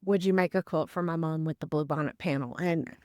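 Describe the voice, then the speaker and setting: A woman's voice: sits low, brisk, mellow, dry recording, clean studio sound. A woman hosting a casual travel vlog, chatty and upbeat, talking straight to her viewers, with some scripted voice-over. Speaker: vlog host.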